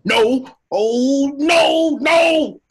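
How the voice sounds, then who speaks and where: A man plays an excitable, cowardly cartoon donkey with a husky voice. He rambles and wheedles nervously, taking his time over the words. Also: mid-range voice, measured pace, heavily acted. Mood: terrified. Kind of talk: animated film script table read.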